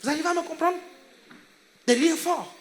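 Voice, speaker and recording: A man from Gabon with a Gabonese French accent, a pastor preaching a sermon. He speaks emphatically, laughs between phrases, swings between loud and hushed delivery, and keeps asking whether the congregation is following. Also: extremely high pitch, normal speed.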